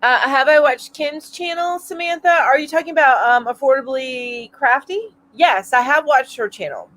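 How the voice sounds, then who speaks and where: A middle-aged woman with a high-pitched, fairly bright voice hosts her weekly live-stream chat from home in a mountain area, speaking at a moderate pace. She reads viewer comments aloud in a chatty, rambling way, full of fillers and laughs, and sounds a little stuffy from allergies.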